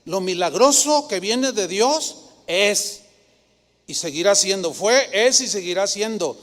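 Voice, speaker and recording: A male pastor, preaching a sermon and telling stories with lively rhetorical questions. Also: high voice, takes it slowly. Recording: long hall reverb.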